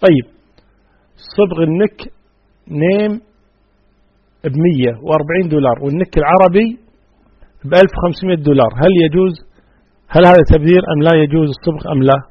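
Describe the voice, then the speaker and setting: A man speaks as an Islamic scholar in a religious question-and-answer session, reading out each question before answering firmly. His voice is husky and fairly high, and his delivery races along. The sound is dry and dull, like an old lo-fi radio recording. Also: quick pace, long pauses, dry recording. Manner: reads out questions, then answers in a firm, plain way.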